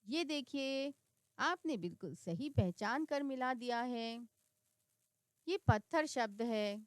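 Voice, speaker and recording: A woman teacher giving a reading lesson for children, slowly and clearly sounding out words one by one. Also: fairly high pitch, animated, no room sound.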